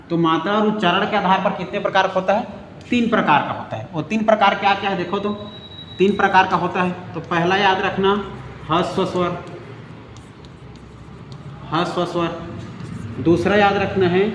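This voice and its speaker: Male teacher, high pitch, drilling repetition, reverberant room with faint background hum. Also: fairly even intonation, moderate pace, a bit bright. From India. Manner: repetitive, drilling with check-ins. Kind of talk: grammar lesson. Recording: echoey room with faint ambience.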